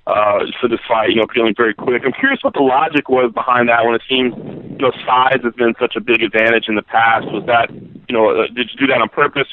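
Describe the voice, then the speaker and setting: Male sports reporter, rapid delivery, press-call questioning, narrow telephone audio. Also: medium pitch, a little hiss or hum.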